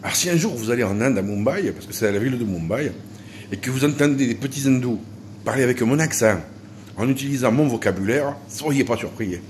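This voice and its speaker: A man's voice: mid-range voice, animated, fairly quick, a little mellow, a little hiss or hum. A man, rambling and joking in a casual vlog monologue, often restarting his sentences. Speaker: YouTuber.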